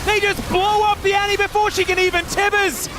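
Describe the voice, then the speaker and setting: A man's voice: very high voice, little pitch movement, brisk, background noise. A man giving live, dramatic esports play-by-play commentary as a caster. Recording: game broadcast with music behind.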